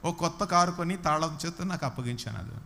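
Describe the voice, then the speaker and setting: A man's voice: on the high side, expressive, fairly quick, vocal fry, sharp tone. A man preaching a sermon, repeating lines for emphasis and often asking if the listeners understood. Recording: long hall reverb.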